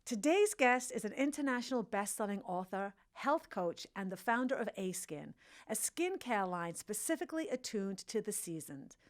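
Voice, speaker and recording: A woman's voice: medium pitch, very animated, moderate pace. A woman in her fifties hosting a podcast interview, frank and playful, laughing off and swearing at her own slips. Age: 50s. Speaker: podcast host.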